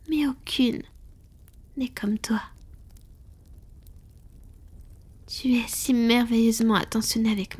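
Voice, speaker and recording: In this intimate scripted roleplay, a woman gives voice to an ancient female vampire, pitched fairly high. Her delivery is breathy, soft and measured, with whispered moments and a tender, confiding mood.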